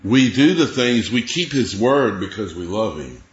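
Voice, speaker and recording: An earnest man preaches a sermon, walking his listeners through scripture and reading verses aloud. His voice has a middle pitch and rings in a roomy space. The sound is slightly dull. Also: expressive, measured pace.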